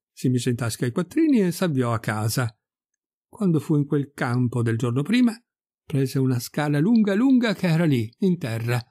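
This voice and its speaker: A man reading a folk fairy tale aloud with expressive storytelling. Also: medium pitch, no echo, clean studio sound. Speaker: reader.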